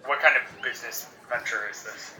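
A man voicing a grumpy, raspy, sleep-deprived man woken from sleep, giving curt, groggy replies. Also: mid-range voice, steady tone, fairly quick, sharp tone, reverberant, recorded from a distance, voice pushed down, poor audio.

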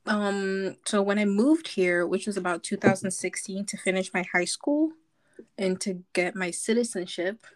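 A woman's voice: medium pitch, normal speed. A young woman from Zambia, a podcast guest chatting casually, telling stories with lots of likes and ums. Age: young adult.

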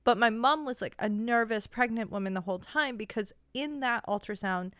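A young woman in casual chat, talking quickly in loose, laughing stretches full of "like". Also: fairly high pitch, fairly bright tone, clean tone, no room sound, clean studio sound. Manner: chatty, laughing, lots of "like".

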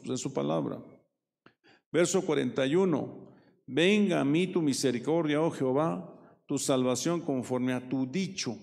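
A man with a gravelly, creaky voice preaches a Bible study sermon. He reads verses aloud and explains them, often checking in with his listeners and correcting himself as he goes. His voice rings out with a long reverb, as if in a large hall. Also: medium pitch, a little mellow. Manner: frequent tag questions and self-corrections, leans into quoted verses.

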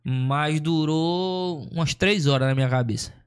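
A man, a comedian, telling a long story in casual chat, slangy and animated, acting out what people said. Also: fairly high pitch, unhurried, clear, resonant tone. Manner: slangy, animated, acts out quotes.

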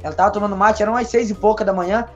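A man's voice: sits high, very fast. A man from Paraná, telling a childhood story in a casual podcast chat, acting out the voices in it. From Paraná, Brazil. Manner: animated storyteller, acts out voices in anecdotes. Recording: dull recording with faint music.

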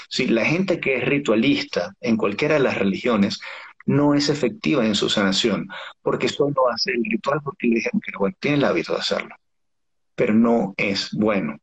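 Husky man explaining like a teacher. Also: medium pitch, moderate pace, dull audio. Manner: didactic, uses rhetorical questions. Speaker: guest expert. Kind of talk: explanatory interview talk.

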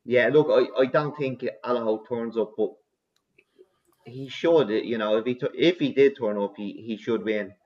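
A man's voice: mid-range voice, normal speed, darkish tone. Opinionated man, dull lo-fi sound. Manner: rambling, opinionated. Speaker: racing tipster. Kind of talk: casual podcast chat.

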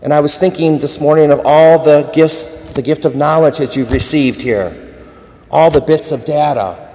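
Priest preaching in cathedral-like echo. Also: male voice, fairly high pitch, normal speed, warm tone. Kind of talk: liturgical gospel reading and sermon. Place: large church, indoors. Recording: echoing church reverb, dull muffled sound.

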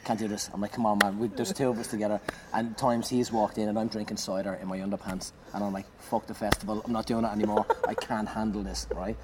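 A man with a lowish voice tells a comic story, animated and peppered with swearing. He laughs his way through it, and a steady noise hum runs under the recording. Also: fast talker, hardly any pauses. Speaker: comedian. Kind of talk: casual storytelling chat. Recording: clear background noise.

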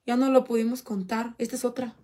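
A woman's voice: a little high, fairly even intonation, a little fast, warm tone. A young Mexican woman hosting a casual live stream, joking crudely, laughing often and reading out viewer donations. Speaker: livestream host.

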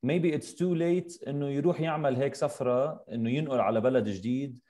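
Fast-talking man with a mellow voice. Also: medium pitch, fairly even intonation. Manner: mixes English words into Arabic, repeats phrases. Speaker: interview host. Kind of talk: casual conversational interview.

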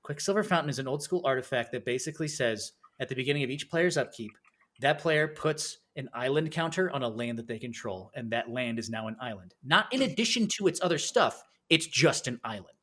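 A man co-hosting a podcast in casual chat, rambling and animated, acting out other players as he tells stories. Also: mid-range voice, fairly quick. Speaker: podcast co-host.

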